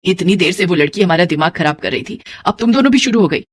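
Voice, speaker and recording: A woman's voice: lowish voice, animated, quick pace, husky. Woman doing a scolding mother-in-law. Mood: annoyed. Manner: exasperated, scolding, dramatic laments. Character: fussy traditional middle-aged mother-in-law.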